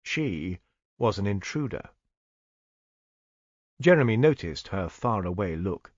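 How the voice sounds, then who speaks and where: A man narrating a period mystery audiobook in a measured, descriptive manner. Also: on the low side, sing-song, dry recording. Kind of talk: scripted narration. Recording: dull, dry studio recording.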